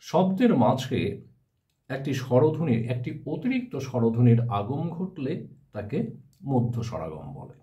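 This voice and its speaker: A male teacher giving a step-by-step grammar lesson, often pausing to ask his students rhetorical questions. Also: medium pitch, wildly swooping pitch, warm tone.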